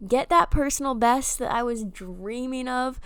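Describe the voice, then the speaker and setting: A young woman talks through footage of her own race in an upbeat, chatty way, often dropping in a casual "like." Her voice is smooth and resonant, recorded close and dry with no room sound. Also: sits high, measured pace, no room sound. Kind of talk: voice-over race analysis.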